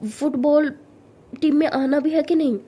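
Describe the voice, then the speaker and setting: High, soft voice; a woman does a defensive, stubborn college girl, storybook reading. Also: steady tone, measured pace. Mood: huffy. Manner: defensive, huffy.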